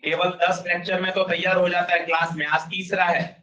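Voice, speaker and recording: A male teacher giving a lively classroom physics lecture, drilling students with rapid questions and urging them on. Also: sits high. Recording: dull roomy classroom sound from a distance.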